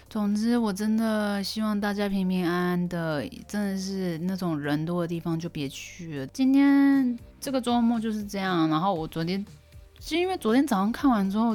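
A woman's voice: lowish voice, darkish tone. A young woman hosting a casual solo podcast. She tells stories expressively, and her voice jumps up when she is surprised. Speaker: podcast host.

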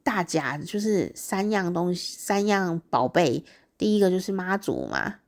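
A woman with a Taiwanese Mandarin accent telling a casual diary story, chatty and excitable, laughing often. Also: on the low side, unhurried, creaky. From Taichung, Taiwan. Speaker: diary podcast host.

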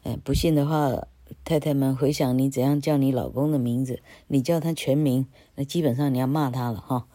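A woman gives a casual English lesson, chatty and wandering off topic, tagging phrases with "ha" and spelling words out slowly. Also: extremely low pitch, steady tone, mellow, no echo. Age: 60s. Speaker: English teacher.

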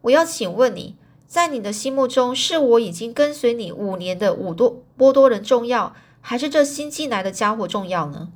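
A woman voicing a hot-tempered, jealous male gang member in a storybook reading, angry and shouting. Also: a little high, lively intonation, normal speed. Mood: furious.

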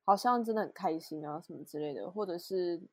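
A woman's voice: lowish voice, fairly quick, dry recording. A woman co-hosting a casual podcast chat, asking curious follow-up questions and laughing easily. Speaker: podcast co-host.

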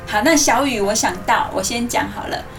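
A high female voice, slightly distant over music. She tells a story as if reading to a toddler, using simple, animated phrases. She keeps turning to her young listeners with coaxing questions. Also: brisk, creaky. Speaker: host of a children's radio story programme. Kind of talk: interactive storytelling to young children, asking questions.

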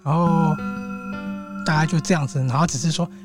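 A man hosting his own show tells a ghost story in a loose, chatty, animated way, with frequent asides to his listeners. His accent is Taiwanese Mandarin, and background music plays under his voice. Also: a little high, fairly quick. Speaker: host and storyteller. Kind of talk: casual ghost-story telling.

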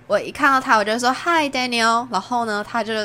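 A young woman from Taiwan with a Taiwanese Mandarin accent, hosting a podcast and chatting through a personal story, jumping up in pitch when she acts out what people said. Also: steady tone, racing, sharp tone. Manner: chatty, acts out quoted lines with big pitch jumps. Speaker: podcast host. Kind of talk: casual storytelling monologue.

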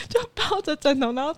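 A woman's voice: high voice, no room sound. A young woman with a Taiwanese Mandarin accent, telling a funny story in casual chat, laughing often.

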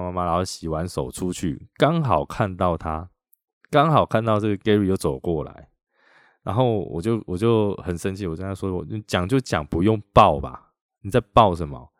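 A man's voice: low-pitched, animated, brisk, no echo, studio quality. A middle-aged man with a Taiwanese Mandarin accent, hosting a podcast and animatedly retelling a personal story in a chatty way. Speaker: podcast host.

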